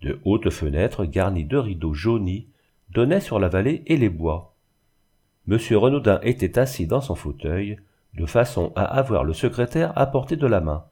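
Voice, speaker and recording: A man reading a classic novel aloud in measured scripted narration. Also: on the low side, sing-song, warm tone, husky. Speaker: audiobook reader.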